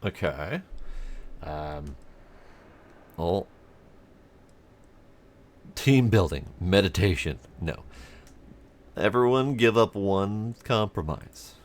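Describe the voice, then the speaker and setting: Streamer: deep register, animated, casual, irreverent and sarcastic play-along commentary. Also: drawn-out words, pauses often, a little hiss or hum. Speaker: game streamer.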